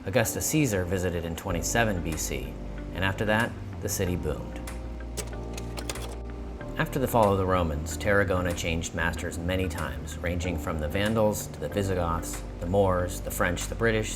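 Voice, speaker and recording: A man with a very low, deep voice narrates his travel vlog in a friendly, upbeat storytelling manner, slipping in light jokes at his own expense. Music plays clearly underneath his voice throughout. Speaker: host.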